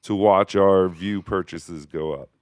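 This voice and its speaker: Low-voiced deadpan male co-host, dry sound. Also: a little slow, no echo. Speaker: podcast co-host. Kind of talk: casual chat.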